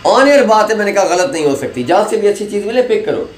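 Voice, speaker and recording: A man's voice: sits high, very animated, fast talker, faint music behind. A man, an English teacher giving a chatty classroom lecture full of anecdotes and pronunciation drills. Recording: echoey room with faint noise.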